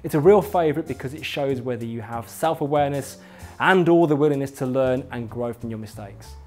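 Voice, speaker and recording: Over soft background music, a man with a medium-pitched, darkish voice presents a scripted lesson a little fast. He addresses the viewer directly, explaining things with emphasis and encouragement.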